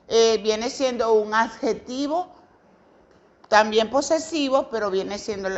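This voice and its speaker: A woman's voice: fairly high pitch, dull audio. A woman teacher from Venezuela giving a recorded grammar lesson to children, patiently repeating example words, with some hesitant fillers and self-corrections.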